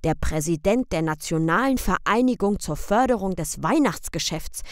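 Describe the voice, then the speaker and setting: A woman voicing a flustered working-class father who stammers and hesitates, now loud, now half-whispering, in an audiobook. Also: on the low side, lively intonation, normal speed, no echo, clean studio sound, natural voice. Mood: protesting. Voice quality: hesitant, stammering with many uhs. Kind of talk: audiobook character voice.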